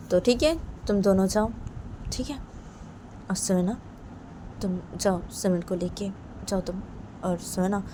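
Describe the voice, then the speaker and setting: A woman voicing a worried mother in a storybook tale, speaking softly and coaxingly. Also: medium pitch, a little hiss or hum, close to an everyday voice. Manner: soft, coaxing. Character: gentle worried mother seeing her daughter off.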